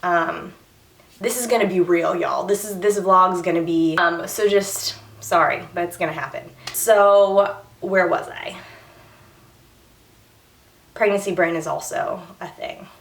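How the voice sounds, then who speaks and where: Young woman, twang, kinda out of breath, chatty vlog, lowish voice, roomy echo. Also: steady tone, unhurried, gravelly. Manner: candid and chatty, with many fillers and restarts. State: short of breath. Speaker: vlogger. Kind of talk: casual personal vlog. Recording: echoey room, voice a bit far from the mic.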